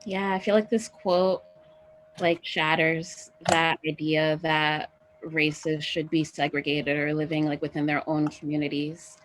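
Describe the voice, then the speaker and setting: A woman's voice: sits low, flat delivery, a little slow, a little hiss or hum. A young woman in a casual group discussion, talking loosely with many "like"s and "you know"s.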